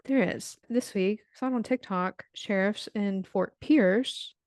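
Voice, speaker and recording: A woman's voice: mid-range voice, measured pace, darkish tone, no echo, studio quality. A woman co-hosting a true-crime podcast, telling stories in a conversational way. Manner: conversational storytelling. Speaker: podcast co-host.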